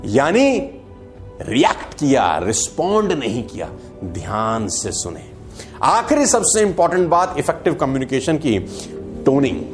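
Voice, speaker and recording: A man's voice: mid-range voice, huge pitch swings, measured pace, soft background music. A man giving an emphatic motivational talk who acts out quotes and jokes. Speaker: motivational speaker.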